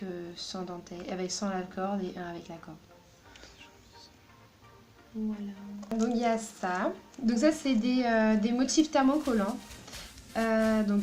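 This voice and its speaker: A woman's voice: medium pitch, darkish tone. A woman hosting a casual craft video, chatty and hesitant, with frequent fillers and giggles. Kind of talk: casual craft haul and tutorial chat.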